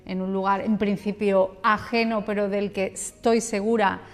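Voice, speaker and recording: A woman's voice: mid-range voice, flat delivery, moderate pace, soft background music. A woman presenter interviews a guest for local television in a mid-range voice. She asks her questions conversationally, with the odd filler. Her voice trails off into a long reverb.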